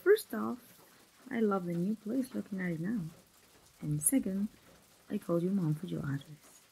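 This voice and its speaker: A Mexican voice actress plays a chatty, teasing young best friend in an ASMR roleplay, speaking playfully and familiarly as if right to the listener. Her medium-pitched voice is warm, breathy and touched with vocal fry, delivered at a moderate pace over a rough recording, with a teasing, friendly mood.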